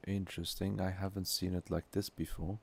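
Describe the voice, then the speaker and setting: Deep-voiced streamer, Turkish native speaker. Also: male voice, brisk, vocal fry, slightly rough. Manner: relaxed, musing, chatting with viewers. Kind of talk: casual game-stream chat.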